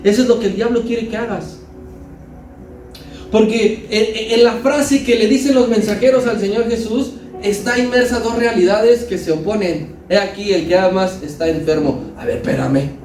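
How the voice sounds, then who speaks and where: A man's voice: sits high, moderate pace, darkish tone, roomy sound, far from the mic, soft background music, rough recording. A man preaching a sermon as pastor, building emphasis and acting out quotes.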